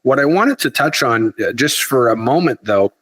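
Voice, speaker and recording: A man's voice: mid-range voice, animated, normal speed, a bit bright. A male podcast host with a middle-range voice feels his way through long questions, often stopping to repeat words. The sound is dry and close, with no room echo. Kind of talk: interview conversation.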